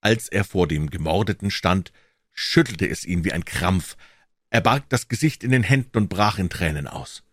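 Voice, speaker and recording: A man reading a novel aloud as an audiobook narrator, telling the story in an expressive, dramatic way. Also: low voice, moderate pace, dry recording, studio quality.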